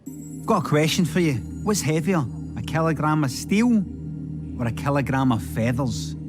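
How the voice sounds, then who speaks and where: An actor with a broad Scottish accent playing an earnest, stubbornly confused man in a deadpan comedy sketch. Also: on the high side, normal speed, over music, close to an everyday voice. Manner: deadpan, puzzled.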